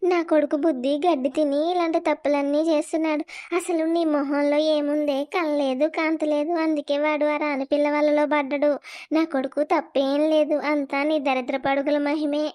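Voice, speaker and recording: A performer voicing a sharp-tongued village mother-in-law in an animated drama, scolding and cursing. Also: high-pitched, a little fast, lightly acted.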